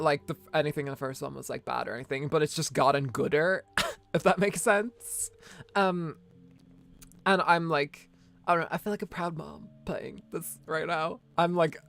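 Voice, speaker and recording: Woman streamer, creaky voice, informal excitable gameplay commentary, game music behind. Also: low voice. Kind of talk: casual gameplay commentary and reading dialogue aloud.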